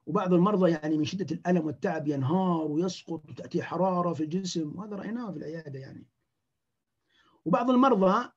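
A man, a clinician giving a lecture, talking in an animated way and acting out the words of patients. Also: on the high side, slightly rough, highs cut off.

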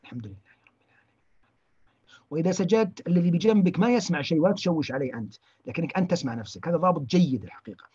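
A man giving a religious lesson, halting often and restarting his words. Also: a little high, animated, a little mellow, slightly rough, highs cut off. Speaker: religious teacher.

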